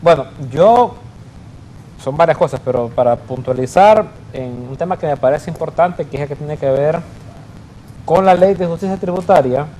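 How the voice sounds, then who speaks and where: Male panelist, warm tone, deliberate delivery. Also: fairly high pitch, slight background noise, rough recording.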